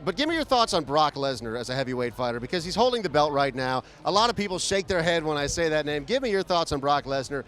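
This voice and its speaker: A man interviews in a casual sports style, talking quickly in a slightly raised pitch. There is faint outdoor noise behind his voice. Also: big pitch swings, a bit bright. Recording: clear outdoor background noise.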